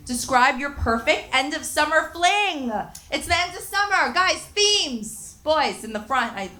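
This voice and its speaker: A woman's voice: high voice, lively intonation, a little slow, bright, forceful tone, roomy sound. A woman in her forties with a Long Island accent, hosting a casual chat in a blunt, teasing way and coughing now and then. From Long Island, USA. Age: 40s. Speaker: host.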